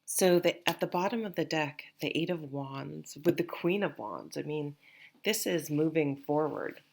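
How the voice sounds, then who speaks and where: Her voice is low-pitched, slightly slow, creaky and a little mellow as she does a relaxed tarot reading. She's sniffly and congested from allergies, with a somewhat nasal sound, and she rambles reassuringly through many fillers and false starts.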